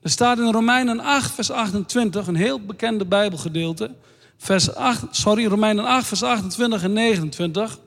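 A man preaching a sermon in a slow, earnest way, reading scripture aloud. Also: sits high, gravelly, a bit bright. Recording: long hall reverb.

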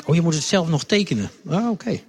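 A man's voice: a little high, expressive, fast, darkish tone, breathy edge. A Dutch man, a lay preacher, giving a friendly, chatty children's sermon in a church hall and talking directly to the kids while moving around with a wireless microphone. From Netherlands.

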